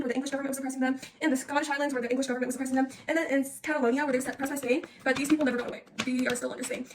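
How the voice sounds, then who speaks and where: Fast-talking young woman reviewing for an exam. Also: high voice, recorded from a distance. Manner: rambling and slangy, with frequent restarts and filler. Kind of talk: casual study-review monologue. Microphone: phone. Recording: faint noise and clicks, voice off-mic.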